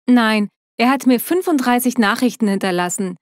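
A shy teenage girl, voiced by a woman narrator, talks in a soft, calming voice. Her tone sits a little high. The recording is dry and close. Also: normal speed, no echo, close to an everyday voice. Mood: confiding. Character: teenage girl Lena, shy then apologetic.

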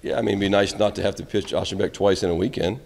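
Middle-aged male coach, deep low voice, candid rambling answers, reverb in the press room. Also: steady tone, quick pace, gravelly. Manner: candid, rambling, trails off quietly at ends of answers. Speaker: college baseball head coach. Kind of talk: postgame press conference. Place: press room in front of a backdrop. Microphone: reporters' phones and handheld mics held close.

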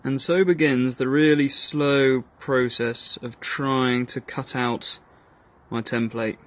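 This Northern Irish man, a hobby blacksmith, narrates his workshop project slowly and with a steady, fairly bright tone at medium pitch. He pokes fun at himself in a relaxed way and fills the gaps with plenty of ums and uhs.

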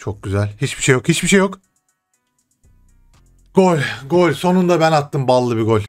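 A young man commentating his own football video game live, excitable, shouting and swearing at the game over background game music. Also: fairly high pitch, moderate pace. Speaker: gaming streamer.

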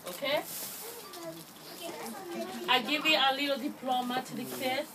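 Preschool teacher, female, native Spanish speaker with a thick accent and halting English, heard through heavy noise. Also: high-pitched, flat delivery. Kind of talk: informal speech to parents and children. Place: outdoor daycare play yard. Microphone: handheld phone camera a few metres away. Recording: noisy, distant phone video.

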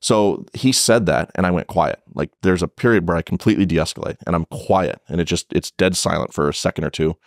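A police officer on a podcast, speaking in a very deep voice. The sound is dry and close, with no room around it. He tells his story bluntly, full of profanity and restarts. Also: fairly quick, vocal fry, hardly any pauses, dry recording.

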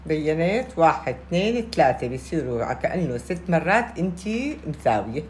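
A woman's voice: deep voice, sing-song, a little fast, a little mellow, slight background noise. A woman with a Levantine Arabic accent giving a casual step-by-step craft tutorial, repeating key steps and checking in with her listeners. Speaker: knitting instructor. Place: indoors at a table, hands-only camera view.

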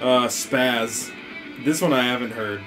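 A man with a New York accent chatting casually on a game stream, reading out a list of slang in a relaxed, halting way. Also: music in the background. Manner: relaxed, reads aloud haltingly, low mumbled asides.

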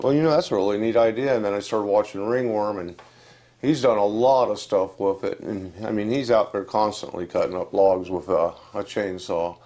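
A man's voice: fairly low pitch, darkish tone. An older man from West Virginia, giving a casual, rambling update to camera from a room indoors on a lapel mic. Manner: plain-spoken, rambling, many fillers and restarts. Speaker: channel host. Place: indoor room with wooden furniture.

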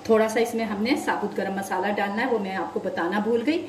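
At her home stove, a cooking-channel host speaks in a mid-range voice with fairly even intonation, a little on the fast side. She patiently explains every step and shares tips, while loud sizzling and frying come through a distant mic in an echoey kitchen.

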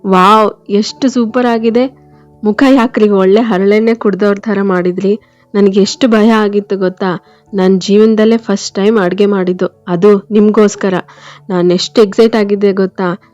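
A woman voicing a playful, emotional young wife who turns excitable and mock-angry. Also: mid-range voice, moderate pace, dry recording, natural voice. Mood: eager. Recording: dull lo-fi, faint music behind.

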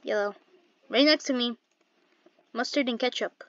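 A woman giving casual gameplay commentary as a streamer, excitable, exclaiming and muttering to herself as she plays. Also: fairly high pitch, unhurried, dry recording, muffled recording. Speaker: game streamer.

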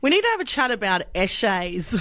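A woman's voice: medium pitch, very animated, fairly quick, background noise. A young Australian woman co-hosting a radio show with casual, teasing banter. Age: young adult. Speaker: radio breakfast show co-host.

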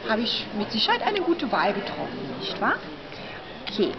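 Speaking at a medium pitch that swoops wildly, with vocal fry and a moderate pace, a woman in her thirties vlogs a hotel tour in a crowded restaurant and bar. Her chatty narration to the handheld camera is polite and showy. The audio is dull, with loud crowd noise throughout.

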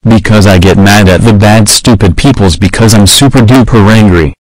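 A man's voice: lowish voice, moderate pace, dry recording, poor audio. Man doing a raging bully horse toy. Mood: furious. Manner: yelling, with long growls and manic laughs. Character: furious male horse toy, a hot-headed bully.

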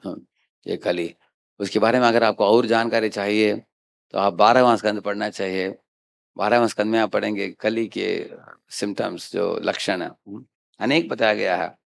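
Gravelly low-voiced male preacher. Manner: conversational, frequent "hain?" prompts to listeners. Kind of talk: Hindi scripture lecture.

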